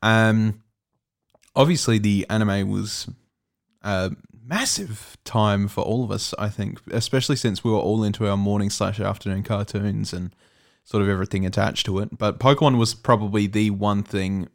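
Laid-back lower-voiced Australian man. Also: normal speed, vocal fry. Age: 20s. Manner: laughs easily, rambling with fillers. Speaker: podcast co-host. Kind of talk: casual chat.

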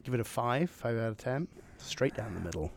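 A man's voice: medium pitch, animated, brisk, vocal fry, slight background noise. A man co-hosting a podcast, chatting casually about a film, rambling and laughing as his thoughts trail off. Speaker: podcast co-host. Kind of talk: casual film review chat.

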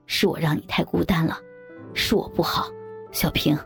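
A woman voicing a soft-spoken young village husband in a low, breathy, murmured voice. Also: wildly swooping pitch, moderate pace, faint music behind, exaggerated voice. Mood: tender.

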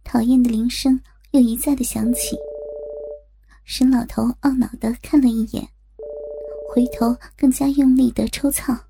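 A woman reading scripted story narration in a soft, breathy, creaky voice. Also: on the high side, flat delivery, measured pace, noisy background.

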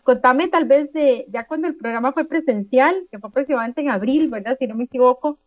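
A Costa Rican woman hosting a radio interview, full of effusive praise and pausing on the filler "este". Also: high voice, no echo, rough recording. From Costa Rica. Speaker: radio host.

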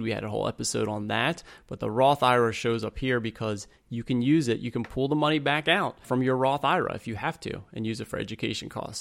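A man's voice: mid-range voice, gravelly, a bit bright. A man explaining personal finance conversationally as a podcast host, informal and plain-spoken. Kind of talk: scripted outro and disclaimer read.

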